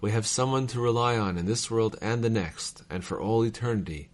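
A man reading old letters aloud in a measured, formal cadence, as a reader of devotional texts. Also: lowish voice.

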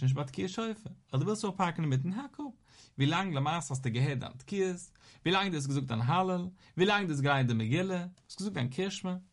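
A man giving a Talmud lesson, talking quickly in a rising and falling study chant. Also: a little high. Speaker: Talmud teacher.

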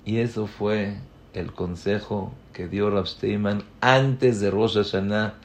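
A man giving a Torah lecture as a rabbi, building to loud emphatic peaks and acting out the people he quotes. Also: fairly low pitch, steady tone, takes it slowly, slight background noise.

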